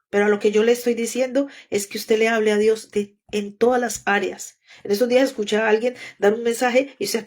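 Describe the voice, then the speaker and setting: A woman's voice: a little high, darkish tone. A woman apostle preaching a sermon, telling stories and acting out the dialogue. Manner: storytelling, acts out dialogue.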